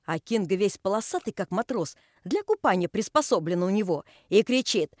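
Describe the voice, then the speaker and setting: Женщина, играющая старого ворчливого плотника. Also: female voice, mid-range voice, lively intonation, brisk, no echo, clean studio sound, natural voice. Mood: reminiscing. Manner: folksy, chiding. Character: pious old male carpenter, scolding, storytelling.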